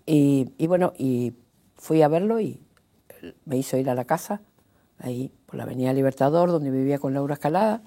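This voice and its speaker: Older woman, Correntino accent, low dark husky voice, lively storyteller acting out quotes; interview guest. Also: brisk. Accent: Correntino Argentine Spanish. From Corrientes, Argentina. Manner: animated anecdotes, acts out quoted dialogue.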